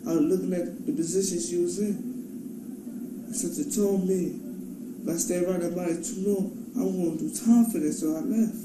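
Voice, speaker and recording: A young man speaks in a high voice, giving jittery, evasive denials to questioning. His words stumble and repeat. The recording is distant, echoey and heavy with noise. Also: steady tone, a little fast. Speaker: suspect being interrogated. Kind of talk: answering questions in a police interrogation. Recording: echoey, noisy archival interrogation recording from afar.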